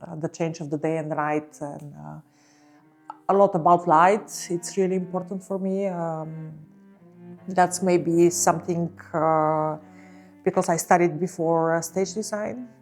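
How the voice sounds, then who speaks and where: A woman from Bulgaria, probably in her thirties, speaking as a visual artist in an interview, slow and searching, with many fillers and pauses. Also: lowish voice, fairly even intonation, soft background music. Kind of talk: reflective interview talk.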